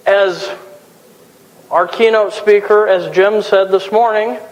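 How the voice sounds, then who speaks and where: A man's voice: sits high, fairly even intonation, slow pace. A man giving a conference talk in a casual, joking manner. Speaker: conference speaker. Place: conference hall. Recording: long hall reverb.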